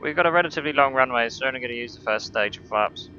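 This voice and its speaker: A man making brisk, clipped pilot callouts from a simulated cockpit, talking into a headset mic. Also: medium pitch, sharp tone, dull audio, a little hiss or hum. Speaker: flight sim streamer playing pilot.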